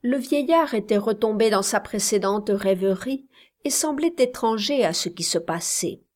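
A woman narrating a classic novel in a measured audiobook reading. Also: mid-range voice, animated, darkish tone.

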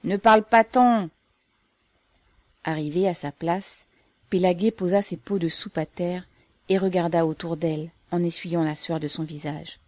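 A woman narrating a classic novel as an audiobook, measured and even. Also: on the low side, no room sound. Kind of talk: scripted narration.

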